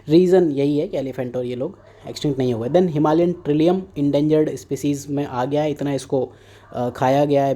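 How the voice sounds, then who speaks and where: A man's voice: mid-range voice, mellow. A young man teaching a casual exam prep lesson, mixing Hindi and English with joking asides. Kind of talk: casual current affairs lesson.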